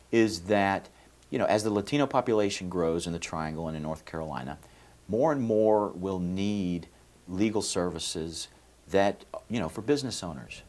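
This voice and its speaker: Deep male lawyer from Venezuela, folksy explainer. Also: a little mellow. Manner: explanatory, folksy, with many fillers and restarts. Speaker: lawyer, guest. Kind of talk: interview answers. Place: TV studio.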